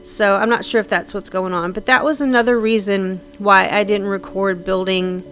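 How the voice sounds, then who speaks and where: A woman narrates a Sims speed build, chatting casually and rambling over her game build with frequent ums and restarts. Her mid-range voice is steady, fairly bright, and slightly scratchy from sinus trouble, at a moderate pace. Faint music plays behind her.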